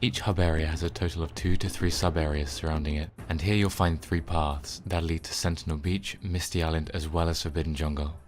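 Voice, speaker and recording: A man's voice: very deep voice, steady tone, a little fast, few pauses, slight background noise. A man reading scripted video game review narration in an informal, wry way.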